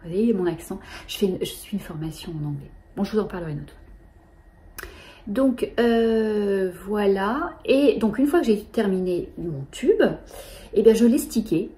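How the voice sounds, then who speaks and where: A middle-aged woman, hosting a knitting show in a casual, halting way with many fillers. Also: medium pitch, expressive, dark tone. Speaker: knitting podcast host.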